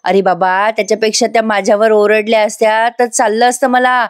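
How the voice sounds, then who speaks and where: A woman's voice: fairly high pitch, flat delivery, a little fast, natural voice. A woman voicing a heartbroken young man who sulks and complains tearfully, repeating himself. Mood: whiny, tearful.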